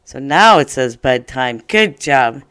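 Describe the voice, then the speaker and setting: A man teaching an online first grade phonics lesson, sounding out words slowly and cheering children on. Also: mid-range voice, animated, pushed and bright, smooth, no echo.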